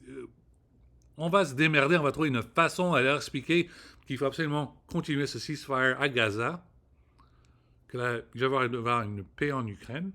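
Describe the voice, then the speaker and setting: A man's voice: medium pitch, fairly bright tone. A man ranting in a casual monologue, rambling and profane, often restarting his words. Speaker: vlogger. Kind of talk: casual spoken rant to camera.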